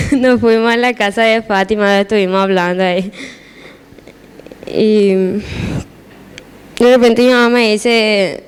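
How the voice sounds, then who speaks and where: A woman's voice: mid-range voice, fairly even intonation, slow, long pauses, clean tone. A teenage girl giving a personal church testimony, hesitant and repeating her words as she restarts.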